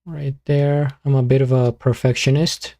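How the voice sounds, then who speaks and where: A man streaming live, chatting casually and muttering to himself as he fiddles with his streaming software. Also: medium pitch, flat delivery, moderate pace. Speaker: beatbox streamer.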